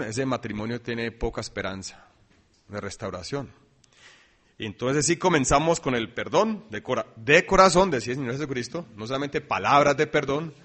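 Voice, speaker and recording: A man preaching a sermon, swinging between loud emphasis and quiet asides. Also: mid-range voice. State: dry throat, coughing.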